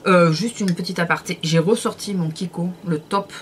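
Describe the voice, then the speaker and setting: A woman's voice: fairly low pitch, moderate pace, slight background noise. A woman giving a casual beauty product review, chatty and hesitant, with many fillers and self-corrections. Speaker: beauty vlogger.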